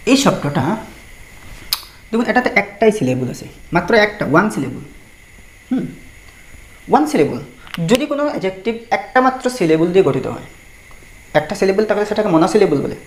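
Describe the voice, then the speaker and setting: A woman's voice: mid-range voice, a little mellow. A woman tutor teaching an exam-prep grammar lesson, explaining step by step and spelling words out letter by letter. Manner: mixes Bengali explanation with English examples. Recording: echoey room.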